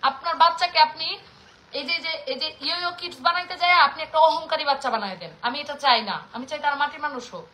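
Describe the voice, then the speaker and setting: A Bangladeshi vlogger in her thirties with a Mymensingh Bengali accent passionately scolds her viewers in a casual rant. Her voice is high, pushed and bright, and very fast, with slight background noise.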